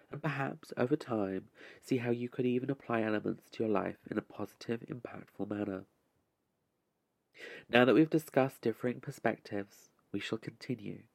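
A man with a lowish, creaky voice delivers a scripted podcast monologue. His delivery is measured and deliberate, with formal, slightly arch phrasing and dry wit. The recording is close and dry, with little room sound. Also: darkish tone, no echo. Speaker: podcast host.

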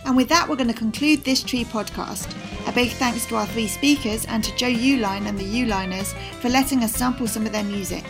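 A woman's voice: a little high, a little fast. A woman podcast host reading polished scripted narration. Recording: voice over background music.

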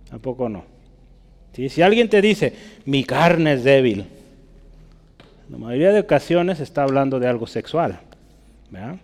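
A man teaching a Bible lesson as a preacher, often checking with his listeners as he explains. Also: sits high. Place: church. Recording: church hall with long reverb.

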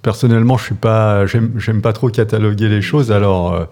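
A man talking casually as an interview guest, hesitant and filling pauses with many fillers. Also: on the low side, fairly even intonation, a little mellow. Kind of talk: casual conversation.

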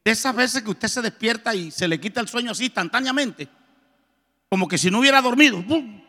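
A middle-aged man preaching a testimony sermon, telling his story in a lively way and acting out the dialogue. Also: very high voice, fairly quick. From Colombia. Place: church. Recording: reverberant church hall.

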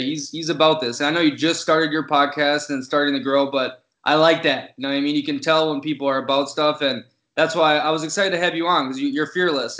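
A man's voice: on the high side, fairly bright tone. A man hosting a podcast who talks in an upbeat, chatty way and leans on casual fillers. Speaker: podcast host. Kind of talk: casual interview talk. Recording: echoey room on dull lo-fi audio.

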